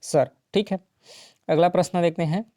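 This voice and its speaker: A man's voice: sits high, fairly even intonation, moderate pace, dark tone, no echo, studio quality. A man teaching an exam-prep lesson, explaining each question step by step and checking in often with the listener. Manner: explains step by step with frequent "ठीक है" and "है ना".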